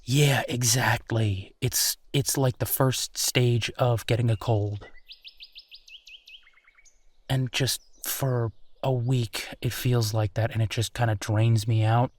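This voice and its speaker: Playing the friendly werewolf boyfriend in human form, the man sounds reflective and candid, musing conversationally with hesitant pauses. His mid-range voice stays fairly even in intonation throughout the intimate roleplay audio.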